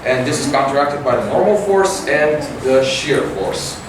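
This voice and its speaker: A teenage boy giving a science competition report with many fillers and halting phrasing. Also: mid-range voice. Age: teens. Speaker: student presenter. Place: large classroom with projector. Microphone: far camera. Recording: echoey room from far off, noisy.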